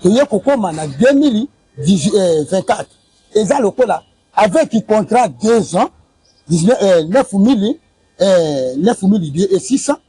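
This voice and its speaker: In poor audio, a man's high, mellow, breathy voice moves slowly in a sing-song way. He is Congolese, in his forties, and in a street interview in a courtyard beside a building, wearing a lapel mic, he insists on the details of a family money dispute. He repeats dates and sums and waves documents as he goes.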